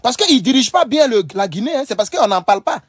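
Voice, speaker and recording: A man giving casual, animated commentary to his followers. He repeats himself often and laughs as he talks. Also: very high voice, quick pace, breathy edge, no room sound, studio quality. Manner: animated, repetitive, laughs often while talking. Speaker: online political commentator.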